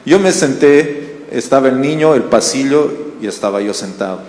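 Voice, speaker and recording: A man's voice: medium pitch, moderate pace. A man from Bolivia preaching a sermon as pastor, telling stories and asking the congregation questions. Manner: animated storytelling with questions to the congregation. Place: church hall. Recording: roomy church hall reverb.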